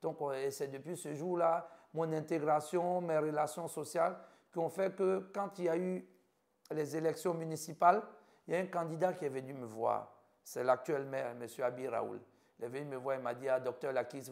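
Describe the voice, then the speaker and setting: Here the Ivorian doctor, a man in his fifties with an Ivorian French accent, recounts his life earnestly for an interview using brief, list-like phrases. His voice sits on the high side, with vocal fry and a darkish tone.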